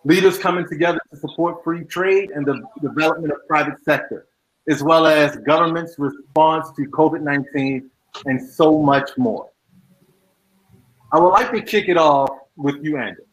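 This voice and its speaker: A man's voice: on the high side, lo-fi sound. A man moderating an online panel over a video call, reading formal prepared remarks.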